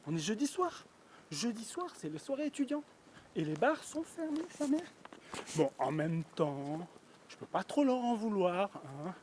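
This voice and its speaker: A man's voice: on the high side, darkish tone. A young man rambling through a mock street report at night, contradicting himself, swearing and taking it back, recorded on a handheld phone outdoors. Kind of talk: rambling comic monologue. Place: outdoors in a town street at night, near a river. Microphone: phone held in hand. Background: faint river noise.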